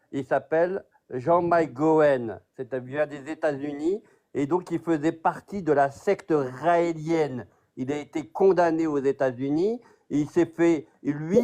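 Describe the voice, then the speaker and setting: Hesitant man with a dark voice. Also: a little high. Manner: hesitant, stumbling. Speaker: live stream participant. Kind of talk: live debate.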